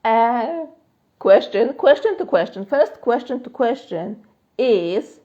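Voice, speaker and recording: Her pitch fairly high and expressive, a Polish-accented life coach takes it slowly with a mellow sound while answering questions from a live-stream chat. She's chatty, uses many fillers, and laughs a lot. The phone recording comes through muffled.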